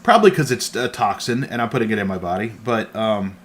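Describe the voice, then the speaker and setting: A man's voice: lowish voice, animated, a little fast, a bit bright. A man co-hosting a casual podcast from a home studio, rambling and laughing often. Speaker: podcast co-host.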